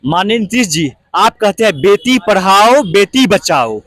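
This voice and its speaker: Guy reporting at a protest, high voice, fiery questions, dry sound. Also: very animated, measured pace, a bit bright, dry recording. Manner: rhetorical questions to politicians, pleading. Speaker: street reporter. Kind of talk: impassioned on-the-spot reporting.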